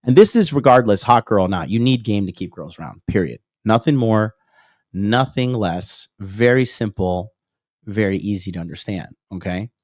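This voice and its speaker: On a livestream, a thirtysomething male dating coach works through a whiteboard lecture, sprinkling in "okay?" and "right?" and responding to viewer comments he reads out. His voice is lowish with lively intonation and a moderate pace. It's studio quality, without echo.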